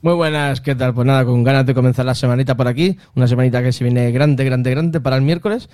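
Mellow-voiced man opening a chat. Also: medium pitch, quick pace, dry recording, clean studio sound. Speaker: co-host. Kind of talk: casual chat.

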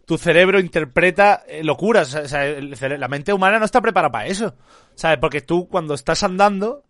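Brief: man, chatty host, lively mimicry, slightly high voice, dry mic. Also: brisk, no echo. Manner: animated, laughs often, mimics others. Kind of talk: casual chat.

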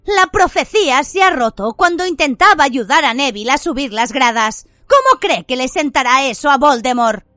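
A defiant teenage boy wizard voiced by a woman, shouting back in a raised, lively voice. He is mocking and stubborn in a dry, close storybook reading. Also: high-pitched, moderate pace, few pauses, no echo, pitched above the performer's own voice.

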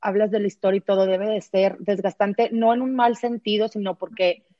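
A woman hosting an interview, sympathetic and quick to affirm what her guest says. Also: mid-range voice, steady tone, dark tone, dry recording, highs cut off. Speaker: podcast host.

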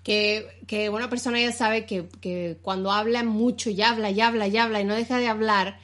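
A woman's voice: mid-range voice, fairly even intonation, moderate pace, fairly bright tone. A woman in her thirties with a Mexican accent, co-hosting a casual chat and explaining ideas at length with frequent restarts. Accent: Mexican Spanish. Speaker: podcast co-host.

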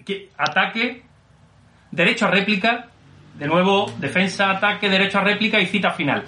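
A man's voice: sits high, moderate pace, pushed and bright, reverberant. A man co-hosts a casual talk show over a video call, explaining the rules. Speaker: co-host.

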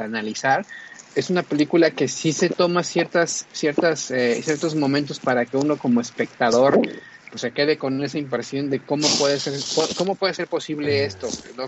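Man, mid-pitch, chatty film reviewer who trails off and restarts, muffled lo-fi recording. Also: a little hiss or hum. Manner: rambling, many fillers and restarts. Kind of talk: casual film review chat.

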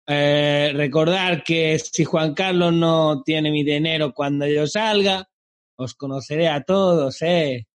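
A man voicing a boastful, crude and menacing middle-aged Galician drug lord with a put-on Galician Spanish accent, in an improvised podcast comedy sketch. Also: fairly high pitch. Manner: swaggering, crude, threatening.

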